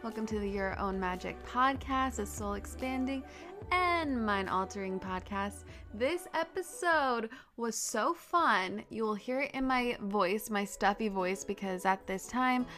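A woman's voice: mid-range voice, animated, a little slow, a bit bright, soft background music. A woman reading a sponsor advertisement in a casual, conversational podcast style.

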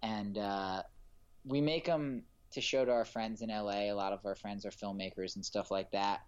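A man's voice: on the low side, steady tone, moderate pace, clean tone. Man filmmaker, casual interview chat, rambly, kinda muffled recording. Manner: rambling, many restarts and fillers. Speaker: filmmaker guest.

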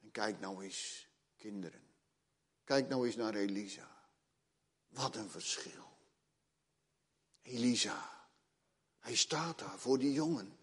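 A pastor preaching a sermon in a church, dramatic and earnest, acting out the people in the story with rising urgency. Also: male voice, fairly low pitch, slow pace, long pauses. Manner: dramatic, retells the story with emotional voices, rises to loud pleading. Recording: long church reverb.

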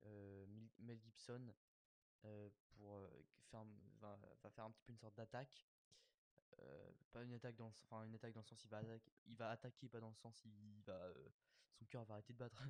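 A man's voice: lowish voice, darkish tone, no room sound. A young man hosting a casual commentary show, talking hesitantly with lots of fillers and self-mocking asides. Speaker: host of an episode-breakdown show.

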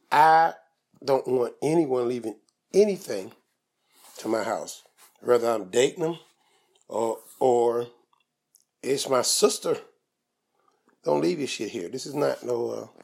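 A man's voice: medium pitch, animated, takes it slowly, creaky, pauses often. A man co-hosting a casual opinion podcast, talking bluntly and joking, with a morning voice. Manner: blunt, joking, laughs often. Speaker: podcast co-host.

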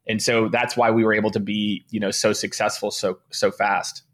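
A man's voice: fairly low pitch, level tone, moderate pace, a bit bright. A man in his late thirties, a guest and sales leader, talking casually and upbeat in an interview with many restarts. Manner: casual and upbeat, heavy use of "you know" and restarts.

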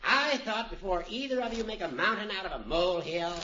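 An actor playing a wily, teasing old judge in 1950s radio comedy, smooth-talking and mock-solemn. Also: male voice, high voice, expressive, a little fast, over a noisy crowd. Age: older. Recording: dull, noisy 1950s radio recording.

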